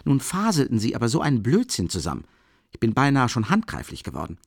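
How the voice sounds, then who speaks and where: A man reading an audiobook voices a drunk, rapturous young man who babbles in an excitable, gushing rush. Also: mid-range voice, fast, gravelly, breathy edge, dry recording, studio quality, voice pushed up, exaggerated voice. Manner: excitable, gushing, tumbling speech. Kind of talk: audiobook character voice.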